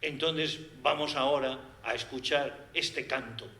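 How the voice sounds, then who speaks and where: Spanish male priest, gentle halting homily delivery, crisp bright tone. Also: medium pitch, fairly even intonation, reverberant. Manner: halting, gentle pastoral speech with many pauses. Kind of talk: homily introducing a song.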